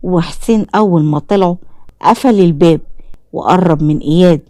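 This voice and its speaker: A woman's voice: fairly low pitch, a little fast, warm tone, no echo, studio quality. A woman with an Egyptian accent narrating a dramatic story in a scripted storytelling style. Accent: Egyptian Arabic.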